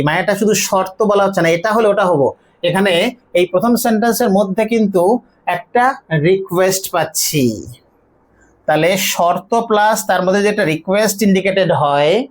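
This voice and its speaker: A teacher giving a spoken grammar and pronunciation lesson, explaining step by step, asking questions and answering them, and saying model words slowly and drawn out. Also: medium pitch. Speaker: English teacher.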